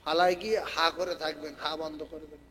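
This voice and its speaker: Preaching over loudspeakers at an outdoor religious gathering, a man whose voice sits on the high side and sounds flat moves between quiet, chatty explanation and loud, drawn-out chanting with rallying call-and-response. The recording is very noisy.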